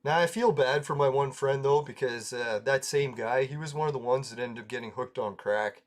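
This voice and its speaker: A gaming video creator with a medium-pitched voice talks at normal speed while chatting casually over gameplay. He rambles through anecdotes, laughs often, and swears freely.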